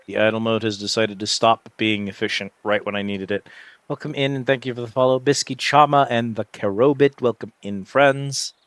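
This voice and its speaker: Hosting a livestream, a man chats casually while gaming, rambling reflectively and often searching for words. His voice is fairly low-pitched and fairly bright, clean and dry, at a normal speed.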